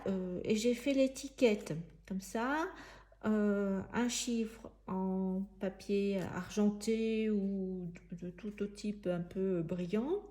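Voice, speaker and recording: Woman, craft tutorial, halting, unhurried, mellow tone. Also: a little high. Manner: thinks aloud in halting, searching phrases. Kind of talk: casual step-by-step craft demonstration.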